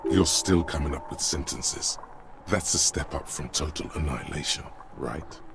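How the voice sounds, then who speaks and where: An extremely deep, grim inner voice speaking straight to the hero in a video game. He narrates dry and sardonic, with cutting calm. Steady background noise hangs under the game audio. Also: normal speed, vocal fry.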